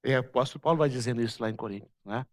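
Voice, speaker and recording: A man from Brazil, a pastor, preaching a sermon and telling a personal story, moving between loud passages and hushed ones. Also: mid-range voice, racing.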